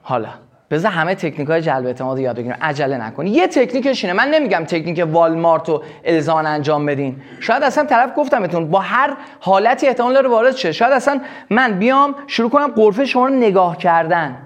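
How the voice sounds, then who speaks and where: A man teaching a live sales workshop, explaining with quick acted examples. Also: sits high, expressive. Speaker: sales trainer.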